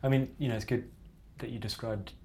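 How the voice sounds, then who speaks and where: A man's voice: mid-range voice, steady tone, brisk, a little mellow, slight background noise. A man conducting a casual, conversational interview as the interviewer.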